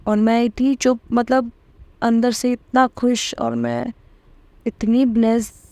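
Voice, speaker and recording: Devout woman sharing, warm mellow voice. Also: a little high, level tone, slow, gravelly, no echo. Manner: emotional, repeating words of thanks softly. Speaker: devotional satsang host. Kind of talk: devotional testimony talk.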